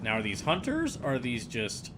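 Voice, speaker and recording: A man's voice: medium pitch, huge pitch swings, normal speed, background noise. A man streaming live gameplay, talking through what he sees with many restarts and fillers and reading out chat messages.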